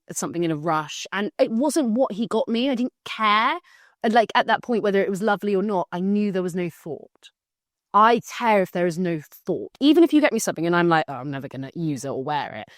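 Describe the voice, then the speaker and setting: A young woman co-hosting a podcast, chatting in a bubbly, animated way and laughing often. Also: mid-range voice, brisk, no echo, studio quality. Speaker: podcast co-host. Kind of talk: casual chat.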